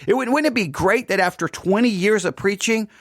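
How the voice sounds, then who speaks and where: A man's voice: high-pitched, fairly quick, a bit bright, dry recording, studio quality. A middle-aged man, a pastor with a West Texas twang, giving a seated teaching talk with emphatic repetition and rhetorical questions. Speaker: pastor speaking at a conference.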